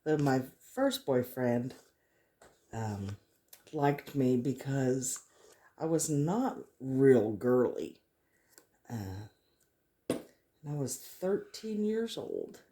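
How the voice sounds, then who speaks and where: A woman's voice: a bass voice, animated, very slow, long pauses, mellow. A woman chatting casually to viewers as she works on a craft, thinking aloud as she goes. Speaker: craft vlogger hosting a resin tutorial. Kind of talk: casual chat while working.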